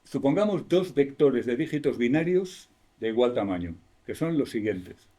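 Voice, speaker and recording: Mellow-voiced Spanish lecturer explaining to a class. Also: male voice, medium pitch, lively intonation, normal speed. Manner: explanatory, asks the class questions, self-correcting. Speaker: university lecturer.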